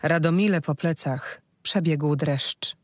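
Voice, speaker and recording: An audiobook narrator reading a dark folk fantasy story in a steady, measured way. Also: mid-range voice, no echo, clean studio sound.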